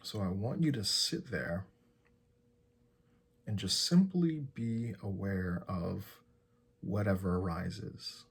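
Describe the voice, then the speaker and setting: Long pauses punctuate the calm, gentle directions of this guided meditation. The man delivering it has a low-pitched voice that is soft, breathy and husky.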